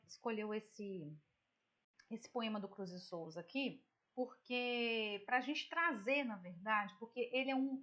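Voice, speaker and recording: A Brazilian woman teacher with a high voice walks students through a poem on a shared screen. She talks in a chatty, explanatory way and keeps checking that everyone is following. The computer mic gives her voice a dull, lo-fi sound. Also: fairly bright tone. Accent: Brazilian Portuguese. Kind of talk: online literature lesson, screen-share explanation.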